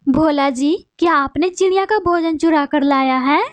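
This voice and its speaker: A woman's voice: high-pitched, normal speed, dry recording, lo-fi sound, lightly acted. A woman voicing a bossy wife bird in a cartoon, scolding and threatening her husband.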